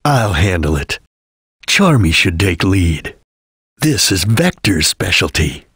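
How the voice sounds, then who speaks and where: A proud, stern ninja chameleon from a video game, with a husky, gravelly edge. He speaks in formal, clipped declarations with very animated pitch, solemn and disciplined. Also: slow pace, no room sound, studio quality, exaggerated voice. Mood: calm, focused. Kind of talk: video game character voice acting.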